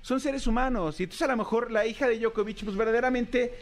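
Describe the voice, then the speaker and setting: A man's voice: extremely high pitch, quick pace. A man with a Mexican Spanish accent co-hosting a radio show, telling stories in casual chat and acting out quotes. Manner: animated storyteller, acts out quotes.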